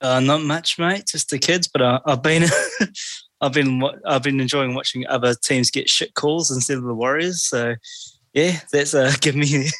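A man's voice: mid-range voice, steady tone, normal speed, fairly bright tone, no echo. A man with a New Zealand accent chatting casually as a podcast panellist. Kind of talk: casual chat.

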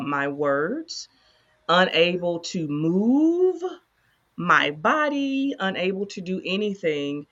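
A woman co-host in casual conversation, candidly telling a personal story with animated asides. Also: lowish voice, lo-fi sound. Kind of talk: casual chat.

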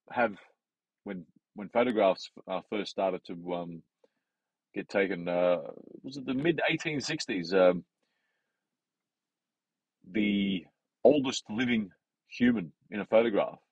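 A man's voice: lowish voice, lively intonation, slow pace, pauses often, slightly rough, no echo, low-quality recording. A man, a health advisor talking in a rambling, hesitant monologue full of fillers and restarts. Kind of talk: casual monologue.

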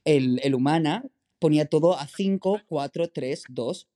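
This podcast guest is a Madrid man with the local Spanish accent, talking casually in an interview. He rambles through long stories packed with fillers. His voice sits on the high side and sounds mellow.

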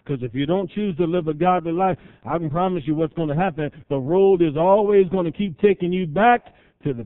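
A middle-aged man preaching a sermon, telling family stories and swelling loud for emphasis, then dropping soft. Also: sits high, no echo, phone-quality sound. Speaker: pastor.

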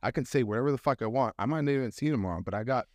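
A male podcast guest in casual studio chat, often chiming in with quick agreement, swearing and laughing along. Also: medium pitch, dry recording. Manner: frequent agreeing interjections, profane, laughs along.

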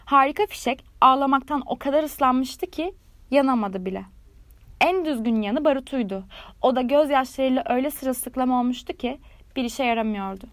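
A woman narrates a fairy tale with a measured, expressive storytelling delivery. Her voice sits high, and the recording is dry and close, with no room around it. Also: no echo.

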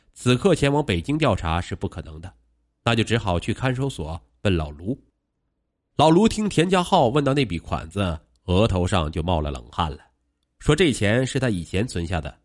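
Brief: male crime-story narrator, middle pitch, very lively intonation, animated delivery. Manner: animated storytelling with rising emphasis.

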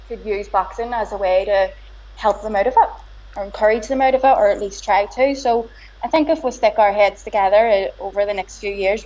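With a mid-range, slightly mellow voice and a broad Belfast accent, this woman chats hesitantly as a guest in a casual interview. She is the boxer's partner, and the recording has a slightly dull lo-fi quality.

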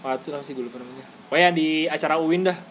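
A young man talks at an easy pace, his voice slightly high, agreeing readily and letting his sentences trail off. Faint ambience hangs behind him. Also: rapid-fire, fairly bright tone, a little hiss or hum. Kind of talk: casual chat.

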